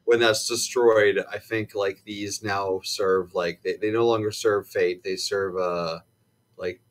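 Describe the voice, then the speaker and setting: A man's voice: lowish voice, steady tone, slow. A man in a casual video game discussion who speaks hesitantly, leaning on fillers as he works through his theories.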